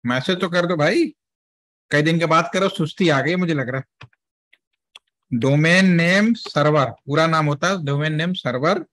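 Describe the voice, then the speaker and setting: A man with a slightly high voice teaches a networking class. He explains things step by step in a chatty way, mixing English terms into his talk and checking now and then that the students are following. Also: moderate pace, a bit bright. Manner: asks students checking questions. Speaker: networking trainer. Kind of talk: classroom lecture with software demo.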